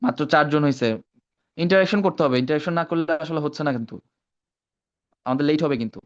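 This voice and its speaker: Teaching an online Arabic class, a man talks fast in a slightly high voice, slipping English words in and repeatedly checking that his students are following. The video call audio is dull and lo-fi.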